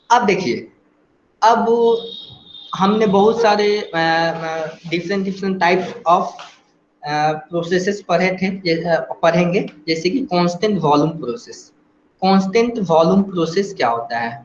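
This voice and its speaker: An Indian man with a high voice lectures in an online class. He works through each point step by step and keeps checking that his students follow. The audio sounds roomy and a little dull, with faint noise underneath. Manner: explains step by step, asks rhetorical questions, frequent "theek hai". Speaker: engineering teacher.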